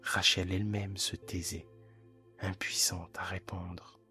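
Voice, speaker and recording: A man reading a classic short story aloud as a calm, hushed bedtime narration. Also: low voice, faint music behind. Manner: calm, hushed, measured delivery. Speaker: audiobook narrator.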